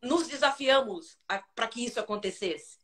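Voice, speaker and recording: A Brazilian woman, a singer guest on a live stream, telling a childhood story with dramatic, animated retelling. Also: a little high, normal speed.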